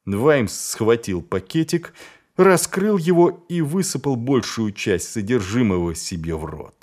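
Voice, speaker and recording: Lively male audiobook narrator. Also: medium pitch, a little slow. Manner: lively expressive storytelling. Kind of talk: scripted narration.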